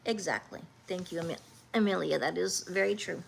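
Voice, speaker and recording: A woman in her fifties hosting a livestream, talking earnestly and haltingly, with many restarts, as she answers viewers' comments. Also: on the low side, gravelly, breathy edge. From Canada. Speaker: livestream host.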